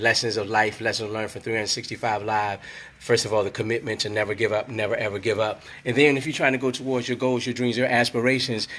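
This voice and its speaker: A man who is under the weather, his voice rumbling, hosts a casual motivational live stream from inside his closed hair salon, talking into a phone. He rambles and repeats himself, with many fillers. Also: fairly bright tone. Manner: rambling, repetitive pep talk with many fillers.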